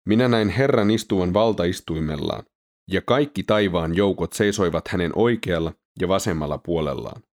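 Defiant ancient prophet, solemn and declaiming, read by a male narrator, very low pitch.

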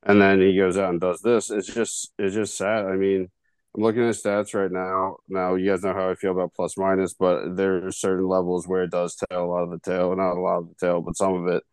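A man's voice: low voice, little pitch movement, brisk, darkish tone, clean tone, no echo. A man co-hosting a podcast in casual chat, laid-back, filling his talk with "like" and "dude". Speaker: podcast co-host.

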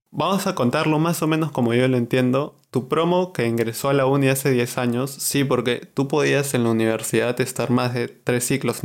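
A man in his twenties with a Peruvian Spanish accent, hosting a podcast in casual, chatty talk and laughing easily. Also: mid-range voice. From Peru. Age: 20s. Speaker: podcast host.

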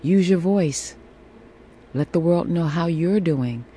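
A woman's voice: fairly low pitch, takes it slowly, warm tone. A woman with a sultry voice hosting a casual solo podcast, speaking in a reassuring way with repeated phrases into a phone at home. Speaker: podcast host. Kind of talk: casual solo podcast monologue, encouraging check-in. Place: room at home with air conditioning running. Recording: air conditioner hum behind voice. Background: faint air conditioning noise.

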